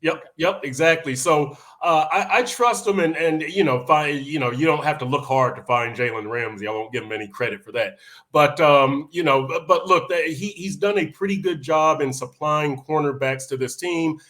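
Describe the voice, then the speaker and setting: Male sports podcast host, slightly high voice, halting casual delivery. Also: fairly bright tone. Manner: halting, many restarts and fillers.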